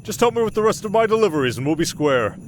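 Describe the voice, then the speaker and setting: A man performs a fatherly old Santa figure for an audio roleplay, pitched a little high for a man. He is indulgent and jolly, with gentle scolding, over clear background sound effects. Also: sing-song, quick pace, a little hiss or hum. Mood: warm, wise. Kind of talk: ASMR roleplay voice acting.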